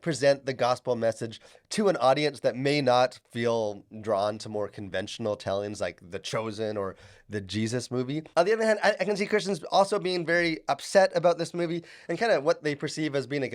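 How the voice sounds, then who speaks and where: Sick and having lost his voice, a man reviews a film for his channel in a casual chat full of fillers and restarts. His voice sits at medium pitch.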